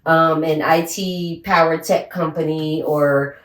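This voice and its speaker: A woman's voice: deep voice, fairly even intonation, slow pace. A woman in her forties co-hosting a podcast, talking bluntly in a casual chat and laughing often. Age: 40s. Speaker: podcast co-host. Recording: roomy sound from a distant mic.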